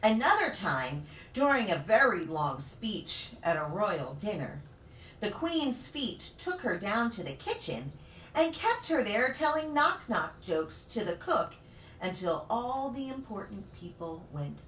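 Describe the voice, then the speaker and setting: With a mid-range voice, a female pastor gives an expressive read-aloud of children's stories for preschoolers. She phrases things deliberately, with very animated intonation and dramatic pauses. The recording sounds distant and roomy, with a faint layer of noise.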